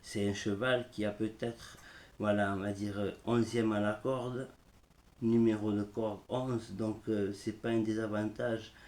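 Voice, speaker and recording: A man giving horse racing betting tips in a casual live stream, speaking haltingly and filling pauses with the same word. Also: on the low side, flat delivery, a little mellow. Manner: slow, halting, repeats "voilà" often. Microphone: smartphone.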